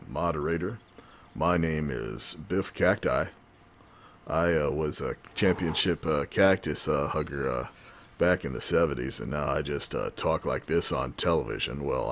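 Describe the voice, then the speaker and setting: A washed-up former champion turned third-rate cable sports moderator, as a man puts him on. He drags every phrase out in a low, halting drawl, stuffing "uh"s between the words. It is a comic bit dropped into a gaming commentary. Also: heavily acted. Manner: slow, halting, full of "uh"s. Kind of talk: comic impression during game commentary.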